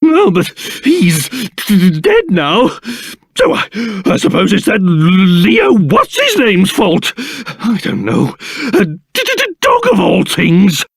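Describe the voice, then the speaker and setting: A man voicing a pompous, excitable old cursed king in a video game, with a British accent and a theatrical manner that swings between grumbling and shrill outbursts. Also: slow pace, no room sound, full character voice. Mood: shivering, complaining. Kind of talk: video game character voice acting.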